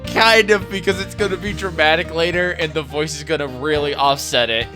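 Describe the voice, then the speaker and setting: Man, game streamer, casual joking chat, sarcastic, higher-pitched, music in background. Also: steady tone, fairly quick. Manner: sweary, sarcastic.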